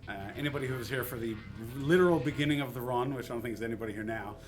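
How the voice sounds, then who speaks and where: A man's voice: medium pitch, rapid-fire. A man live streaming a game, dramatically reading its dialogue aloud between casual remarks. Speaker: speedrunner live streaming a game at a charity marathon. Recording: loud game music behind voice. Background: video game music.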